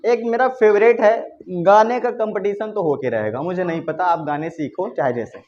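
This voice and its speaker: A male teacher runs an English lesson in a classroom, lively and coaxing, firing questions at his students and repeating them. The recording is slightly muffled, with a faint hum underneath. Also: sits high, normal speed.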